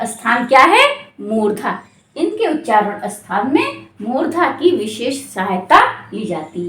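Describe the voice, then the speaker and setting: A woman's voice: high voice, fairly bright tone. A woman teaching a Sanskrit grammar exam-prep lesson, asking questions and answering them herself, drawing out syllables to stress them. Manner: slow, drawn-out syllables when stressing sounds. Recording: echoey room.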